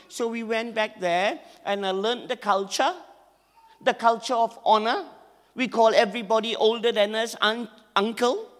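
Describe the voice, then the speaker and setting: A man with a Malaysian English accent, originally from Malaysia, preaching as a guest in church, excitable and over the top with frequent laughter. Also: high-pitched. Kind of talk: sermon. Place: church hall. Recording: echoey church hall with long reverb.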